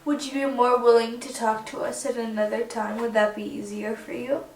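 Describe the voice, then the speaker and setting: A woman's voice: a little high, flat delivery, normal speed. A woman chatting informally as she co-hosts a paranormal investigation vlog. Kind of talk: casual ghost-hunt vlog chat. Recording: roomy, distant mic, faint noise.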